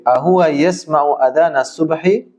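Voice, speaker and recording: A man teaching Arabic to a class, drilling questions and explaining words patiently, often ending phrases with a soft "ya". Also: fairly high pitch, soft background music. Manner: slow, patient drilling with frequent "ya". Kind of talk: classroom Arabic lesson in Indonesian. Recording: roomy, slightly dull classroom sound.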